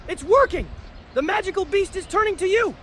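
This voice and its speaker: An eccentric, grandiose mystic from a fantasy comedy. The voice sits extremely high and declaims with whimsical theatre, with slight ambient noise underneath. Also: male voice, animated, a little fast, fairly bright tone. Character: whimsical, grandiose eccentric mystic who reveres spirits and prophecy. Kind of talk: scripted fantasy comedy dialogue.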